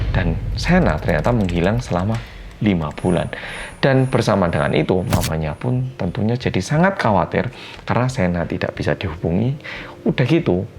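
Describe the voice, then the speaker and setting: Fields: Sex: man. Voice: gravelly. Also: fairly low pitch, a little hiss or hum. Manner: chatty, animated retelling. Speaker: storyteller. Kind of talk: casual storytelling narration.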